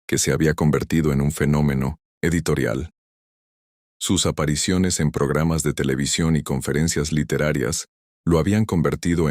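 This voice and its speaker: Very deep-voiced male storyteller. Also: a little mellow, no room sound, studio quality. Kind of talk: scripted story narration.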